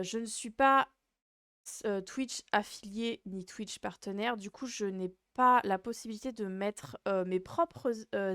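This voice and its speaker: A woman's voice: mid-range voice, dry recording, studio quality. A woman hosting a livestream in casual chat, with a cute, playful and rambling, hesitant way of talking. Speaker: VTuber livestream host.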